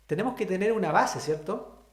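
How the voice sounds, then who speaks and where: A fairly quick, animated man with a high voice and Chilean accent teaches sign language online, checking in with the class often as he explains step by step. The room sounds reverberant.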